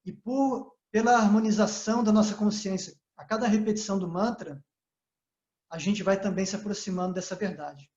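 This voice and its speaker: A man giving a calm spiritual lesson, often checking in with his listeners as he explains. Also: high-pitched, normal speed. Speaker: yoga teacher. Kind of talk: spiritual talk. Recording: echoey, slightly dull sound.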